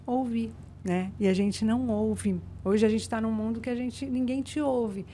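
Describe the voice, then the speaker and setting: A woman's voice: on the high side, steady tone, normal speed, mellow, a little hiss or hum. A woman, a psychologist guest on a podcast, explaining her ideas with rhetorical questions. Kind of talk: conversational podcast interview.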